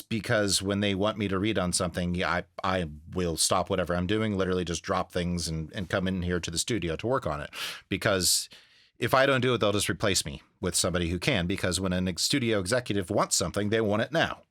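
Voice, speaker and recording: A man talking casually in an interview about his work, earnest and a bit halting, repeating words for emphasis. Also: deep voice, fairly bright tone, no room sound, clean studio sound. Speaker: voice-over artist, interview guest. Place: home studio.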